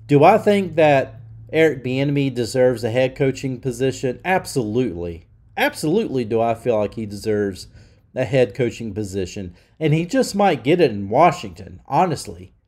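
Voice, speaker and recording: Very animated and speaking at a normal speed, a middle-aged man with a medium-pitched, darkish voice rants on his own channel. Sick and nasal, he pushes his opinions with heated emphasis.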